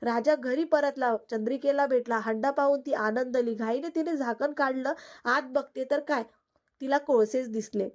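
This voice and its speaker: A woman vlogger narrating a devotional folk tale in a steady, simple recital. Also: high voice, normal speed. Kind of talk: storytelling narration.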